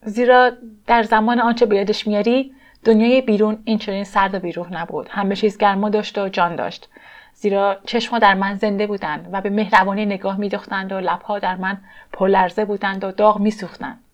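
A woman's voice: mid-range voice, level tone, lightly acted. Woman voicing a wistful ancient energy being. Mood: yearning.

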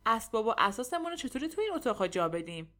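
A woman's voice: on the high side, big pitch swings, sharp tone. Woman reading as a fussy young wife. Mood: worried. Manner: fussy, insistent. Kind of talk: storybook reading.

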